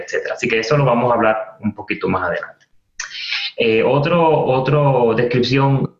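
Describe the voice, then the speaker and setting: A man leading a training webinar, explaining terms patiently with many fillers and restarts, repeating key points. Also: lowish voice. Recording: roomy, dull lo-fi webinar audio.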